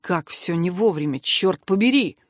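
A woman's voice: medium pitch, normal speed, no echo, clean studio sound, close to an everyday voice. A woman voicing a weary, stern male senior royal advisor who speaks in curt, clipped phrases.

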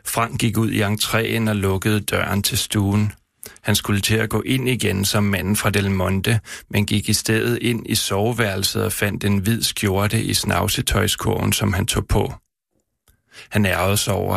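A man with a low, heavily gravelly voice reads his own prose aloud and then talks about it. When speaking freely he stumbles and repeats words. The studio sound is dry and close. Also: a bit bright, no echo. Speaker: author reading his own work. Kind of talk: reading aloud, then casual radio talk. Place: radio studio.

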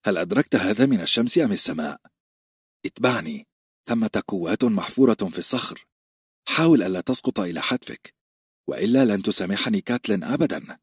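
A sly courtier who mocks everyone, voiced by a male narrator in an audiobook. The voice is low with a husky grain, recorded close and dry. He talks smugly, with a teasing edge. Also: animated, quick pace, dry recording. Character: sly, mocking small courtier man.

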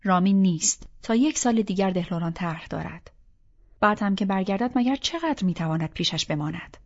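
A woman's voice: mid-range voice, expressive, a little mellow. A woman reading a first-person novel aloud as an audiobook narrator, in a reflective, inward storytelling manner. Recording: slightly dull audiobook recording.

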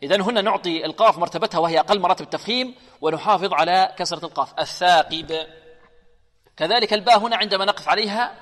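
A man teaching Quran recitation rules. He asks the class questions, answers them himself, and slowly drills syllables and verses with many repetitions. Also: high voice, a bit bright. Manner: drills syllables slowly and repeats each one. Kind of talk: tajweed lesson with recited examples. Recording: long hall reverb.

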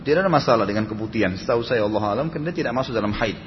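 A man's voice: lively intonation, rapid-fire. A man preaching and answering religious questions, with emphatic rhetorical questions and scolding asides. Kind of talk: religious Q&A lecture. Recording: dull echoey hall with faint rumble.

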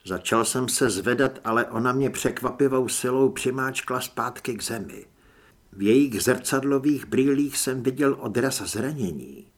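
A man's voice: mid-range voice, lively intonation. A man narrating an audiobook in a dramatic first-person reading. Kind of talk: scripted narration.

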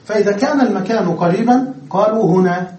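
High-voiced man teaching grammar, echoey. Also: darkish tone, dull audio. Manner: explains step by step, checks understanding with quick questions. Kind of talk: classroom lecture. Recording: echoey room from a distance.

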